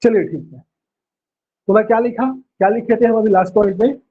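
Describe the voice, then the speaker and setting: A male teacher dictating class notes, repeating each phrase slowly so students can write it down. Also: high-pitched, steady tone, husky. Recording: tinny phone-like audio.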